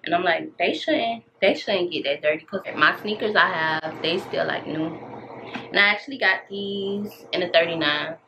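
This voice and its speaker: A woman's voice: fairly low pitch, normal speed, bright, forceful tone. An American woman in her thirties vlogging casually, chatting in slangy girl-talk to her viewers. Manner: slangy, girl-chat way of talking, addressing viewers as y'all. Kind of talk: casual chatty get-ready-with-me vlog. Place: bedroom at home, indoors. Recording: dull audio with room noise.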